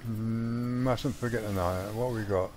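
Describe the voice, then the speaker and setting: A man's voice: fairly low pitch, fairly even intonation, a little slow, background noise. A man giving casual let's play commentary on a game he is playing, thinking aloud as he goes with frequent ums. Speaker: gaming channel host.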